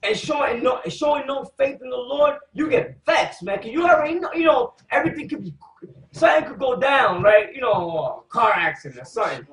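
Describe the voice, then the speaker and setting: A man reading scripture slowly to a group, then preaching loudly with crude, heated commentary. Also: extremely high pitch, big pitch swings. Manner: reads verses slowly, then rants loudly with profanity. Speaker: scripture teacher. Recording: echoey room, far from the mic.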